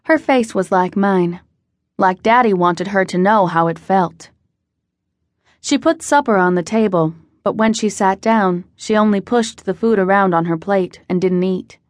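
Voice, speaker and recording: A woman's voice: medium pitch, no echo. Woman narrating an audiobook, close and dry. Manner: measured, steady storytelling. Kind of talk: scripted first-person narration. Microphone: close studio mic.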